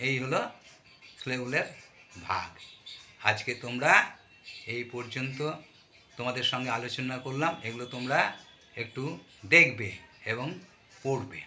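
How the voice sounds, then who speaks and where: A man teaching a grammar lesson to students. He spells words out letter by letter, stretches out his examples slowly and asks the class questions. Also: mid-range voice, sharp tone. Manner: addresses students directly with questions.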